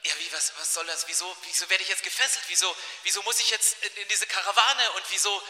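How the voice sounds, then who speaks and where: A preacher takes on a forsaken young man stuck down in a well, asking question after question in disbelief. The voice is high and very bright. It rings with a long reverb through a large hall. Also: fairly even intonation, fast talker. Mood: bewildered. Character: young biblical man, abandoned and bewildered. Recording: echoey hall.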